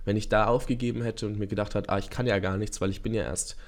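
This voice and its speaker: Eager young man with a low voice. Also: steady tone, fast. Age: young adult. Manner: eager, earnest, talks in long run-on thoughts with fillers. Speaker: podcast guest. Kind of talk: casual interview talk.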